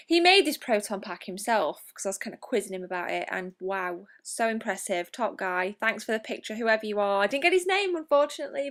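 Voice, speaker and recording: A young woman talks through her gaming vlog in a relaxed, chatty way. Her voice sits in a middle register, and she is full of enthusiasm, sprinkling ums and the odd bit of mild swearing through her narration. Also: mid-range voice. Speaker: gaming vlogger.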